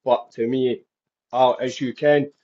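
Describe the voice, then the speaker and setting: A Scottish man with a Dundee accent candidly recounts his life story as a podcast guest. His medium-pitched voice is level, slow and a little mellow, with the high frequencies cut off.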